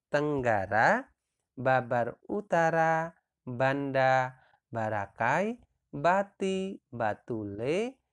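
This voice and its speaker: Teacher, school lesson narration, unhurried, clear smooth voice, reads names one by one. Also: mid-range voice. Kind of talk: educational narration for primary school.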